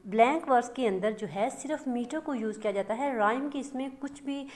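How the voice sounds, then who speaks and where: A woman's voice: a little high, normal speed, darkish tone. A woman, teaching English literature in a lecture. She repeats her points and keeps addressing listeners as friends. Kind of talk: explanatory lecture.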